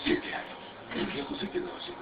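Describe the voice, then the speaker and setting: A man's voice: fairly quick, over a noisy crowd. A man in his fifties giving a rambling, anecdotal sermon-like talk with many restarts and crude words. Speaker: speaker at a parody mass. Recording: distant, tinny, faint background noise.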